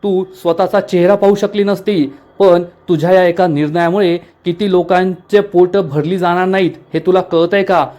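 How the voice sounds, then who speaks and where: A man's voice: high-pitched, fairly even intonation, normal speed, few pauses, a little mellow, highs cut off, lightly acted. Man reading as a furious scornful woman boss. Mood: angry scolding. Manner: angry, scolding, taunting.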